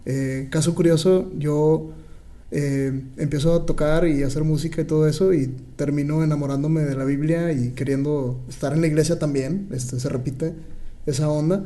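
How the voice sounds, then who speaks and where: A man's voice: a little high, normal speed. Laughing young man telling stories. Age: 20s. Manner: animated storyteller, laughs often, many fillers. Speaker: podcast co-host. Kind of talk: casual podcast conversation.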